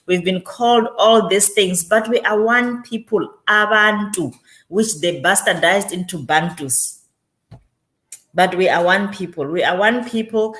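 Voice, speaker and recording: A woman guest, a community developer and author, talking reflectively in an interview and driving points home by repeating phrases. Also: medium pitch. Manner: emphatic, repeats phrases for weight.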